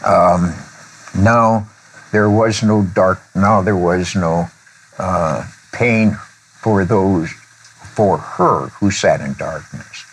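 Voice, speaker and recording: An older man, a former preacher, telling a children's story during a conversation. He talks deliberately, with pauses and throat-clearing. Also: deep voice, slight background noise, rough recording.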